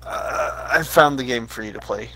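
Gravelly, teasing male stream co-host. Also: mid-range voice, normal speed, sharp tone. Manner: teasing, goading. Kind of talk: casual gaming stream chat.

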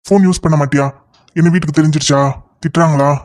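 A man voicing an impatient young lover in a cartoon, talking fast and insistently. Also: fairly high pitch, steady tone, darkish tone, lightly acted. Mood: scolding. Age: young adult. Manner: rapid, insistent scolding. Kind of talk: cartoon voice acting.

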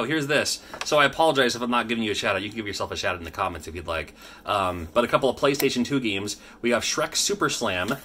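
Bright-voiced chatty dad vlogger. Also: male voice, mid-range voice, a little hiss or hum. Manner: chatty, rambling, self-correcting. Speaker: YouTube host. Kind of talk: casual unboxing vlog. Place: home room with his kids.

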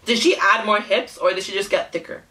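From a small indoor bedroom, a YouTube reactor in her twenties with a slight Nigerian accent comments on a music video. She is giggly and exclamatory, laughing often, with a brisk, sharp, mid-range voice.

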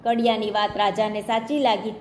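A woman's voice: mid-range voice, little pitch movement, fairly quick. A woman narrating a folk tale in storybook style, speaking the characters' lines in quotes herself. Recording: echoey room with faint background noise.

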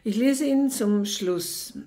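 Slow, thoughtful woman presenting a book. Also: on the high side, mellow. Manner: thoughtful, hesitant, many pauses. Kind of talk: book talk and reading aloud.

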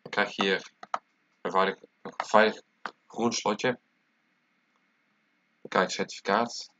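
A man with a low voice and a stuffy nose from a cold talks casually through a computer tutorial. The recording is dull and lo-fi, with clear noise and keyboard clatter behind him. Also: steady tone, unhurried, a bit bright. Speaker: tutorial presenter. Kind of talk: casual screencast tutorial, talking while typing. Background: keyboard typing and clicking.

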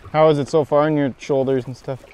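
A young adult man with a Canadian accent hosts a fishing show, chatting casually while out on a small boat on a lake. His voice is a little high and slightly mellow, steady in tone and brisk. A little background noise can be heard.

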